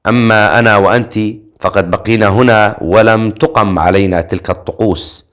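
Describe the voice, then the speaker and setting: A man's voice: on the low side, steady tone, fairly quick, a bit bright, clear, resonant tone, close to an everyday voice. A man reading an audiobook voices a frightened young woman who speaks in a trembling, fearful way. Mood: hushed.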